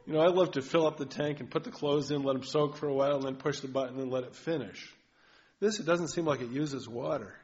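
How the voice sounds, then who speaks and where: Man, pastor, conversational sermon, rhetorical questions, middle-aged, mid-pitched, dull recording. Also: fast talker, darkish tone.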